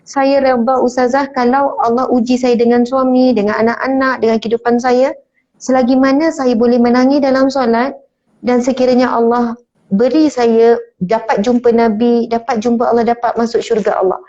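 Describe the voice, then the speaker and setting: A woman's voice: fairly high pitch, little pitch movement, normal speed, mellow, lightly acted. Woman quoting a poor young village mother, humble, earnest, grateful, muffled lo-fi sound. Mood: devout.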